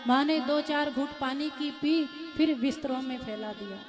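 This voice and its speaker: A woman preacher telling a devotional story in a sermon, acting out the mother and son, her voice rising loud when the son gets angry. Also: high-pitched, normal speed. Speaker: spiritual preacher. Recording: echoey hall with music behind.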